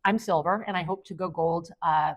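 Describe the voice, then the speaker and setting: At normal speed and a fairly low pitch, a woman in her fifties chats casually as a podcast guest and Amazon influencer. Her stories wander and ramble, full of filler words.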